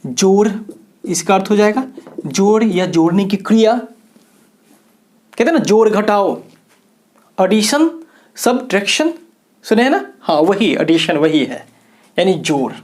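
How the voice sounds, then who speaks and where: Speaking a little slowly with long pauses, this Bihar-born English teacher has a high, very animated voice. In his video lesson he spells words letter by letter, asking the audience questions and supplying the answers on his own.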